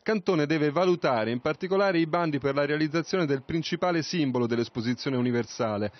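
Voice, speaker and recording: A man reads a news report in a crisp, even, scripted way. He is recorded close and dry with no room sound. The audio is slightly dull, like a news voice-over. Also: on the high side, brisk, no echo.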